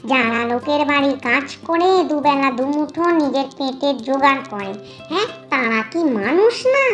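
A woman voicing a sharp-tongued, fed-up female ghost servant in a cartoon story, grumbling and scolding in rustic speech. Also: high voice, dull audio.

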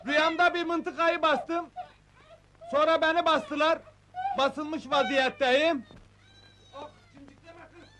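An actor playing a hapless, clumsy young man who pleads, hushes in a panic and yelps, in a 1970s film comedy. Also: very high-pitched, fairly even intonation, slow, long pauses. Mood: panicked. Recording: noisy old film soundtrack.

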